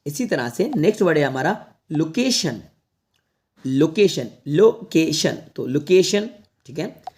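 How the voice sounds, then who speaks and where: A man leads an online lesson aimed at students. He reads each word slowly and repeats it several times. He keeps reassuring the viewers, who he calls children. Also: fairly high pitch, lively intonation, darkish tone. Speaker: English teacher.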